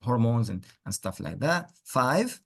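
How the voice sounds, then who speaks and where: A man teaches English pronunciation. His pitch moves widely and his voice has a husky edge. He speaks deliberately, repeating words for learners and encouraging them. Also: big pitch swings. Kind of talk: interactive pronunciation lesson.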